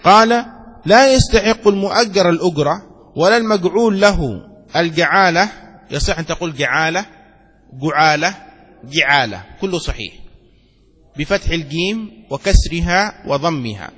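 A man's voice: sits high, animated, normal speed, fairly bright tone, breathy edge, long reverb tail. A male Islamic scholar teaching a religious law text. He reads passages aloud, explains them with examples and keeps asking if his listeners follow. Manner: explains with examples and checks understanding.

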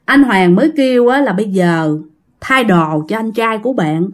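A woman's voice: mid-range voice, lively intonation, normal speed. A woman with a Southern Vietnamese accent, narrating a ghost story to her listeners in a chatty way full of filler particles.

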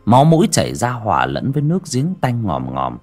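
A man's voice: fairly low pitch, wildly swooping pitch, brisk, a little mellow, faint music behind. A man narrating a horror story with dramatic delivery.

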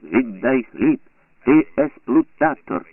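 A man doing a shrill chorus of schoolchild pioneers chanting slogans, in a squealing, far higher voice than his own. The sound is tinny and narrow like a phone, as in an audiobook scene. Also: huge pitch swings, takes it slowly, no room sound, heavily acted.

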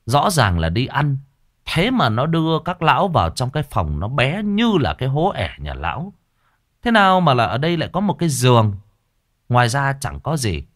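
A man telling a story in an earthy, colloquial, animated way. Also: mid-range voice, moderate pace. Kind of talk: storytelling narration.

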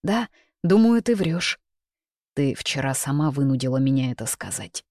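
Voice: mid-range voice, animated, moderate pace, a little mellow, dry recording, studio quality, lightly acted. A reader voicing a brash, possessive young man in a romance audiobook, speaking bluntly and coarsely. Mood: heated. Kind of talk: audiobook character reading.

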